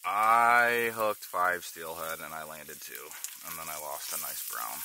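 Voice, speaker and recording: A man's voice: extremely low pitch, measured pace, vocal fry. A young man vlogging a fishing and camping trip, talking into a handheld camera inside a tent in the woods. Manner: excited, worn-out outdoorsman talking to camera. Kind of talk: casual vlog narration. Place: inside a tipi hot tent in a forest. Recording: noisy outdoor camera audio with sizzling pan.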